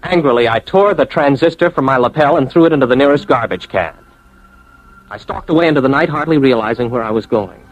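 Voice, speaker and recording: In an old-time radio drama, a male actor with an American accent plays an earnest young advertising man, at times narrating his own story in the first person. His mid-range voice is animated, brisk and natural, with a brooding, dramatic mood. The audio is dull, with soft background music.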